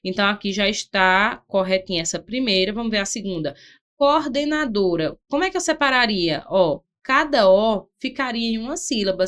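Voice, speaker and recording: A woman's voice: medium pitch, fairly bright tone. A woman teaching an exam-prep grammar lesson, spelling out syllables and checking in with "certo?". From Brazil.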